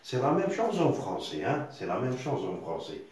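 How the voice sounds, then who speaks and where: A man's voice: medium pitch, huge pitch swings, a little mellow. A man teaching a reading lesson, patiently repeating words and sounding out syllables one by one. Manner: repetitive, patient, sounds out syllables slowly with tags like hein. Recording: very echoey room.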